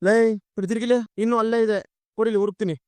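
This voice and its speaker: A man's voice: high-pitched, level tone, rapid-fire, dry recording, natural voice. An actor playing a joking husband who teases his wife in a TV serial. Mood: teasing. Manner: teasing, joking. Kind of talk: TV serial acting.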